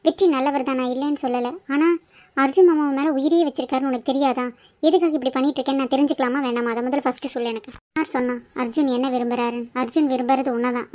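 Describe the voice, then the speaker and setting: A woman's voice: sits high, darkish tone, lightly acted. A woman voicing a bold younger sister in a cartoon who presses hard for answers. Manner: pushy, demanding, scolding. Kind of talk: cartoon voice acting.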